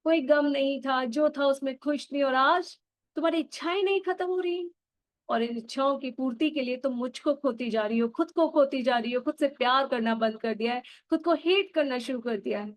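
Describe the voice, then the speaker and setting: A woman's voice: sits high, normal speed, dry recording, pitched above the performer's own voice, natural voice. A woman voicing a hurt little girl scolding. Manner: scolding, pleading complaints. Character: hurt, reproachful little girl, the inner child.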